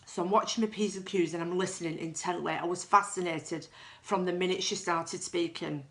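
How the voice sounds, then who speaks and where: A middle-aged woman gives a client testimonial, telling her own story candidly and poking fun at herself. Her lowish voice is steady, brisk and fairly bright, and she restarts her sentences often.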